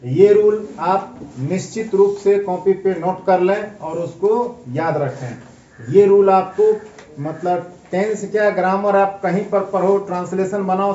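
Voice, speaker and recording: A man's voice: high-pitched, dark tone. A male teacher giving a grammar lesson, asking his class questions, answering them himself, and spelling out words letter by letter. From India. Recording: echoey room, picked up from a distance, slightly dull.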